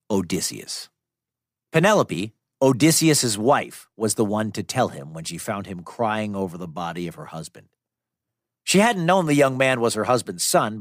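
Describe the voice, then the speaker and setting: A man of medium pitch narrates a scripted children's myth, theatrical but conversational, in his role as storyteller and podcast host. The studio sound is dry with no room sound, and music plays in the background.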